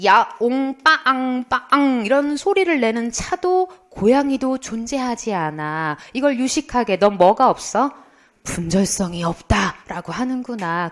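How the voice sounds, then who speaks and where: A middle-aged woman lecturing for an exam prep course, quizzing students and then answering her own questions in a playful way. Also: sits high. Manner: lively, asks students questions and answers them herself; playful, imitates sounds and tells funny anecdotes. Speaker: Korean language lecturer.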